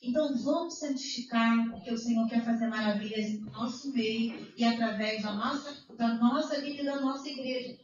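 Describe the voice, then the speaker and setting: A middle-aged woman testifies before her congregation, her voice sitting a little high and animated as she retells conversations. She sounds distant from the microphone, washed in heavy church-hall echo. The recording has a dull, muffled tone. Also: moderate pace, hardly any pauses. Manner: emotional, retells dialogue, exclaims praise. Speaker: church member giving testimony.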